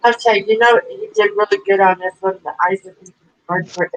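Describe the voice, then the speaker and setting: A woman hosting a casual livestream chat, excitable and chatty, laughing often. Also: medium pitch, fast, lo-fi sound, slight background noise. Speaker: livestream host.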